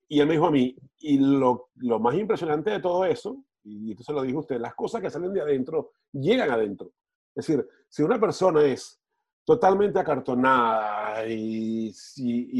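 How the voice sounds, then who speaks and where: A man's voice: a little high, a little mellow, breathy edge. A middle-aged man, a football TV panelist talking casually on a podcast, rambling and restarting his words. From Venezuela.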